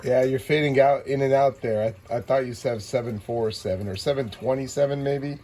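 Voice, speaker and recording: This American CB operator and channel host has a mid-range, steady, dark-toned voice and a brisk delivery. Radio static fills the noisy radio room while he relaxes into a long-distance contact, tossing out call signs.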